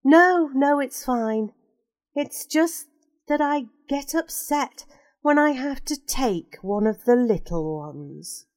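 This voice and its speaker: Woman reading aloud as a sad young woman, soft, gentle, melodious, dry close sound. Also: sits high, expressive, slow pace, dry recording, pitched above the performer's own voice.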